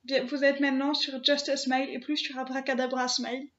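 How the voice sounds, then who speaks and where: Close to tears, a young channel host speaks casually to her camera in a high, flat, slightly bright voice at a brisk clip, though she keeps hesitating with fillers and restarts. The vlog's sound is lo-fi.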